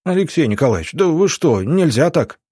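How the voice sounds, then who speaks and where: A man's voice: on the high side, big pitch swings, fairly quick, warm tone, husky, no echo, studio quality, pitched above the performer's own voice. A man doing a whining frightened patient. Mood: panicked. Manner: pleading, whiny, strained. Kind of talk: audiobook character voicing.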